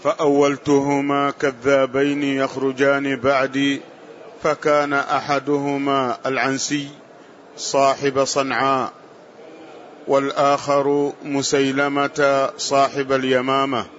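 Male student reader, slow, even and flat, lo-fi audio. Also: medium pitch. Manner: slow, flat, measured reading. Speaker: student reading the text aloud. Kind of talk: reading a classical text aloud in a lesson. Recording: dull lo-fi audio.

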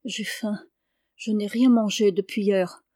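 Woman doing a weak quiet farm boy, soft storybook voice. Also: medium pitch, steady tone, normal speed, no echo, clean studio sound, natural voice. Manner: faint, quiet. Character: weak hungry studious peasant boy.

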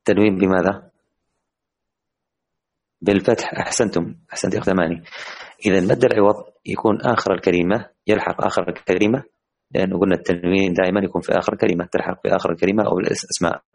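In an online tajweed class for women, a man with a low, steady voice quizzes his students and praises their answers. His delivery has vocal fry and a breathy edge, and he draws words out slowly when reciting examples.

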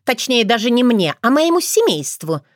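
A sharp-tongued young crow bride, put on by a woman reader, pitched well above the narration and pushed louder, teasing with every line. Her voice leaps and dips in a lively way. The sound is close and dry. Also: normal speed, dry recording. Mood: mocking. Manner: sarcastic, teasing. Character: mocking young female crow, bald bride.

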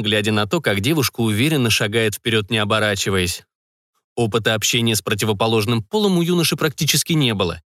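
A man giving measured, deliberate scripted narration of an audiobook. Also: mid-range voice, a bit bright, no echo, studio quality.

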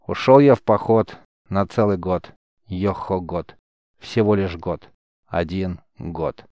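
A man voicing a gruff, simple soldier sergeant who talks slowly and sings a rough soldiers' song. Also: lowish voice, no echo, highs cut off, lightly acted. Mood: mournful singing.

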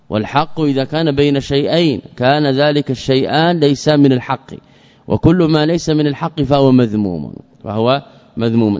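A man's voice: medium pitch, darkish tone. Man lecturing with repeated phrases. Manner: measured, repeats key phrases for emphasis; poses questions and answers them himself. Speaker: sheikh teaching a creed text. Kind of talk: Islamic lesson explaining a text. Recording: dull lo-fi recording with long reverb.

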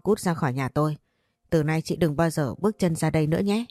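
A woman's voice: low voice, a little fast, warm tone, dry recording, clean studio sound, soft background music, lightly acted. A woman voicing a harsh, scolding middle-aged mother who runs a shop, cutting in her words.

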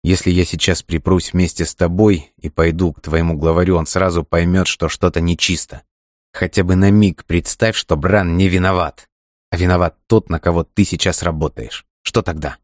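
A man voicing a calm, tired young man who keeps his voice low and even. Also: moderate pace, dry recording, studio quality, lightly acted. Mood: hushed.

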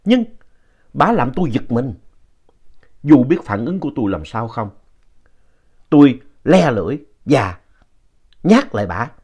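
A man telling ghost stories in an expressive, playful narration, reading out a listener's letter. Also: mid-range voice, unhurried, pauses often, breathy edge. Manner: animated, playful reading with lively shifts in tone.

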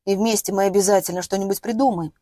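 An earnest teenage boy in love with his classmate, pressing his point with pleading insistence, as a woman reader voices him. The tone is warm and mellow, set close and dry with no room around it. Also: mid-range voice, fairly even intonation, fast talker, dry recording, lightly acted.

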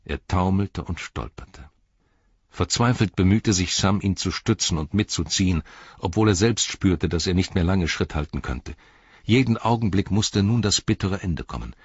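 A man narrating an audiobook in a measured, dramatic storytelling manner. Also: low voice, lively intonation, breathy edge, no room sound, highs cut off. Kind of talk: scripted narration.

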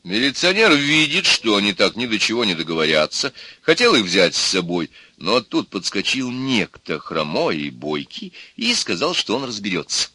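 A man narrating an audiobook with an expressive reading. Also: lowish voice, normal speed, hardly any pauses, slightly rough, no room sound. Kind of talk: scripted narration.

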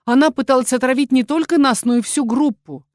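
A woman's voice: sits high, a little fast, darkish tone, no room sound, pitched above the performer's own voice, natural voice. Icy cold young woman laying out an accusation, woman reads her, dry. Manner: cold, cutting.

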